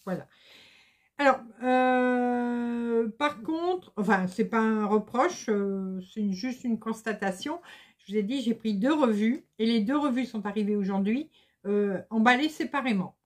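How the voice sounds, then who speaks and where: Slow-talking chatty woman vlogger. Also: on the high side. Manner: chatty, hesitant, many fillers. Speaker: embroidery vlogger. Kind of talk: casual chat to camera.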